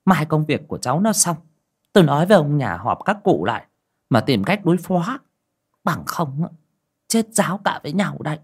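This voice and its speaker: A man voicing a fierce, bossy older village aunt who scolds loudly. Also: fairly high pitch, very animated, normal speed, husky, pitched above the performer's own voice, full character voice. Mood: calmer, grave. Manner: shouting, scolding.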